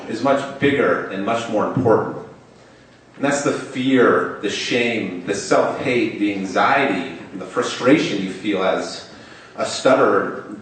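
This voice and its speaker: A young man with a fairly low-pitched voice tells a personal story on stage in a large hall, stuttering openly as he repeats and stretches the first sounds of words. Because the mic is far off, the sound is echoey, with slight background noise.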